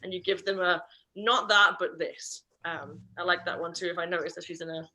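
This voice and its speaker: A woman dog trainer teaching an online puppy class, chatty and self-correcting, sometimes slipping into a playful high voice. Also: little pitch movement, fast talker, sharp tone.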